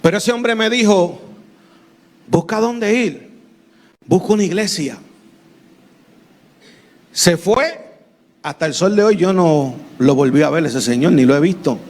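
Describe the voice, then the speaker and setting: A man preaching his testimony as a pastor, with a Puerto Rican accent, growing fervent and breaking into shouts. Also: fairly high pitch, moderate pace. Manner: addresses listeners as "mi amado" and "iglesia".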